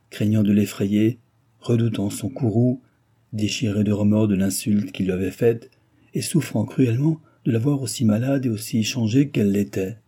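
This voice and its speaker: A man narrating a classic novel aloud in a measured, even literary style. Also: on the low side, breathy edge. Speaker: audiobook narrator.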